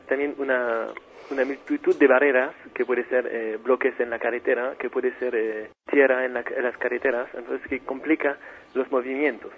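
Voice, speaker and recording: A man speaks haltingly as a guest in a phone interview, stopping and restarting his sentences. The line is thin and tinny, like a telephone, with faint hiss underneath. His pitch sits in an ordinary male middle range. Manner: halting, many fillers and restarts. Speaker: aid mission administrator, interview guest.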